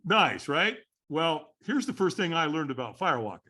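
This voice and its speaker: A man who is a guest on a podcast, telling an animated story, acting out the voices he quotes and laughing often. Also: on the high side, moderate pace. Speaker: guest, firewalking instructor.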